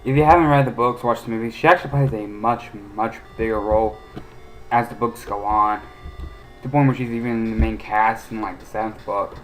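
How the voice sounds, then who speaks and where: A man's voice: fairly low pitch, steady tone, fairly quick, faint music behind, low-quality recording. Rambling man doing game commentary. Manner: rambling, opinionated, frequent hesitations. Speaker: let's play host.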